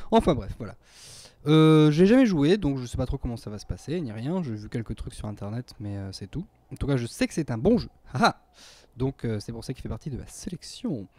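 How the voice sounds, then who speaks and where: A man's voice: mid-range voice, warm tone, no echo. A man casually commenting on a narrative game as he plays, hesitant, with many fillers and restarts. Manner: hesitant, full of "euh" and restarts. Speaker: let's play gamer.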